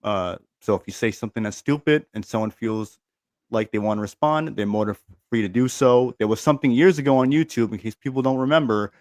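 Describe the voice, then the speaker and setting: A man's voice: mid-range voice, fairly quick, a little mellow, dry recording, clean studio sound. A man with a lisp hosting a podcast in casual chat, laid-back, reading out chat comments and laughing often.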